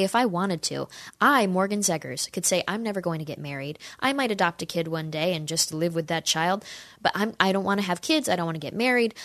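A commentator in her twenties takes audience questions and talks directly to her viewers, persuasive and sincere. Her pitch is fairly low, and the studio-quality recording has no room sound.

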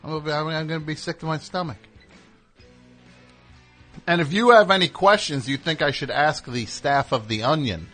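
A man hosting a live radio show, rambling in casual chat with sudden loud yelled bursts. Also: a little high, moderate pace, long pauses, soft background music.

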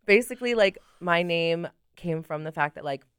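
A young drag performer chatting as a podcast guest, telling stories with lots of fillers and acted-out quotes, recorded on a studio mic. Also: female voice, fairly low pitch, expressive, moderate pace, clear, resonant tone, no room sound. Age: young adult. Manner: chatty storyteller, many fillers, acts out quotes. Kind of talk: casual podcast chat.

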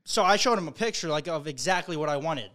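Young male podcast co-host, higher register, slangy frat-bro banter. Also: lively intonation, fast talker, a bit bright. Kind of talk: casual banter.

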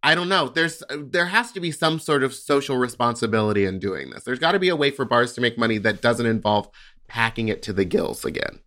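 A man in his thirties co-hosting a podcast in casual chat, expressive and exasperated. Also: mid-range voice, a little fast. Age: 30s. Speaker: podcast co-host.

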